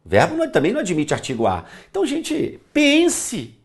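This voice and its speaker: A middle-aged Brazilian Portuguese man lectures on grammar, his pitch swinging widely from low to high. He plays to the class, calling on them directly and chanting key phrases back and forth. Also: huge pitch swings, fast, darkish tone, slightly rough. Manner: theatrical, talks to the class directly and repeats phrases in a singsong. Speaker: grammar teacher. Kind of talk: animated classroom lecture to camera.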